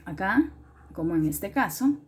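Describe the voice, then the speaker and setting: A woman's voice: medium pitch, very animated, a little slow, husky. Woman teacher, patient step-by-step lesson delivery, repeats key points and self-corrects. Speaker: English teacher. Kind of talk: recorded classroom lesson explanation.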